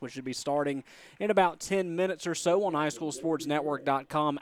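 A man's voice: on the high side, smooth, no echo. A man hosting a pregame sports broadcast with emphatic delivery. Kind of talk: pregame commentary with read headlines.

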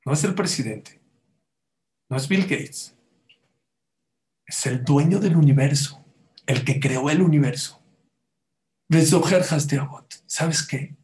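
A man's voice: a little high, slow pace, long pauses, a little mellow. A man giving a sermon as a rabbi, telling stories and asking the audience rhetorical questions.

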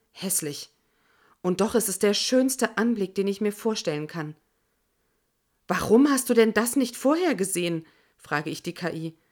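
A woman reading a first-person audiobook in a measured, tense manner. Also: fairly low pitch. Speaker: audiobook narrator. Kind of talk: first-person scripted narration.

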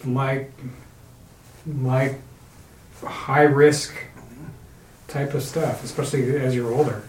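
A podcast co-host speaks slowly in a level, medium-pitched voice during casual chat, blunt and swearing freely and restarting his sentences as he goes. The recording is roomy with some faint noise.

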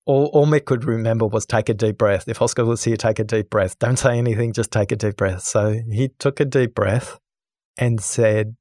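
A man who is a guest on a podcast, telling a story with lively energy and acting out the people in it. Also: lowish voice, normal speed, no echo, clean studio sound. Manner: lively, acts out the people in his stories. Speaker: podcast guest, listening expert. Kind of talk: animated storytelling in conversation.

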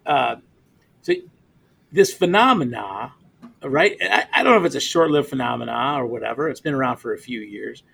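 A man's voice: mid-range voice, expressive, normal speed, vocal fry, a bit bright, breathy edge. A man hosting a casual beer podcast, rambling with stammered restarts and laughing often. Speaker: podcast host.

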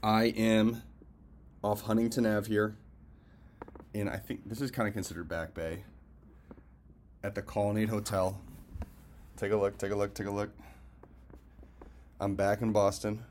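In a hotel, a Massachusetts man in his twenties, a filmmaker and event host, vlogs a birthday check-in, rambling loosely and swearing a lot as he talks to viewers like friends. His voice sits on the low side with a steady, darkish tone and moderate pace, and he pauses often. There's slight background noise.

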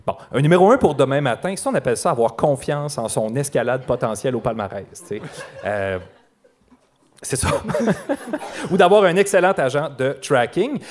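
Un homme à l'accent québécois anime un balado en direct devant public, avec un ton joueur et des jeux de mots. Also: male voice, mid-range voice, sing-song, normal speed, background noise. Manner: playful, joking wordplay, frequent laughs. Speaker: podcast host. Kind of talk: live comedy podcast commentary. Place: live show in a concert hall.

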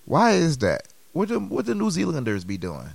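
A man co-hosting a casual podcast, throwing out animated rhetorical questions. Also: on the high side, moderate pace, creaky, breathy edge, no room sound. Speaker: podcast co-host.

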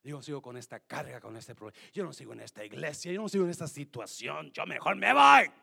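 A man's voice: fairly high pitch, expressive, fast talker, vocal fry, bright, forceful tone, slightly rough, voice pushed down, exaggerated voice. A man voicing a reluctant young woman, Mary, who stubbornly refuses her burden in pleading lines that mix in English. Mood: fed up.

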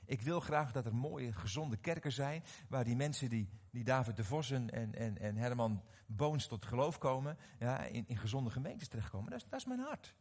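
A middle-aged man preaching a sermon, animated and often questioning his audience, repeating words as he restarts. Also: mid-range voice, normal speed, hardly any pauses. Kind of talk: sermon to a live congregation.

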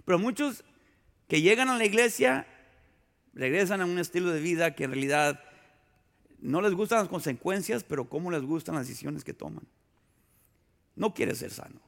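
A pastor preaching a sermon in a conversational, storytelling way, full of rhetorical questions and acted-out anecdotes. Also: male voice, high voice, expressive, moderate pace, gravelly, long pauses, a bit bright. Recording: long hall reverb.

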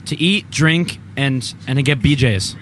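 Cocky, bright-voiced young male co-host. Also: mid-range voice, a little slow, a little hiss or hum. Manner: cocky, playful, deadpan jokes. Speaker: radio show co-host. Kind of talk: casual banter on a talk show.

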